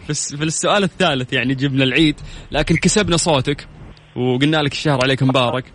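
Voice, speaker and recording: A man's voice: mid-range voice, racing, fairly bright tone, slight background noise. A man with a Saudi accent hosting a radio call-in quiz, teasing callers and laughing often. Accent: Saudi Arabian.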